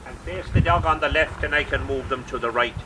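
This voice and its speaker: Man presenting outdoors over loud noise. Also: fairly high pitch, a little fast, distant mic. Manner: explanatory, rhetorical questions. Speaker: sheepdog trainer and presenter. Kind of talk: live demonstration talk to spectators. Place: outdoors at a sheep dog trial. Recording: very noisy outdoor recording.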